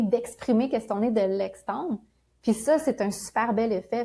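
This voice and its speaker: A woman from Quebec with a Québécois accent, a spiritual guest talking in a gentle, reflective way and laughing often. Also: on the high side. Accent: Québécois French. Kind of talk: casual conversational interview.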